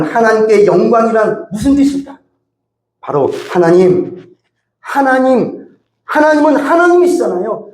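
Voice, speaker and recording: A male pastor preaching a sermon, acting out prayers and pleas in an animated way. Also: high-pitched, echoey room. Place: church sanctuary.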